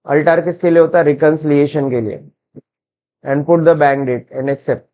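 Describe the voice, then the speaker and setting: A man's voice: on the high side, fairly even intonation, slow, warm tone, highs cut off. Man teaching accounts in a mixed Hindi-English lesson. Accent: Indian English. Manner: mixes Hindi and English, asks and answers his own questions. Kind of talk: screen-recorded classroom lesson.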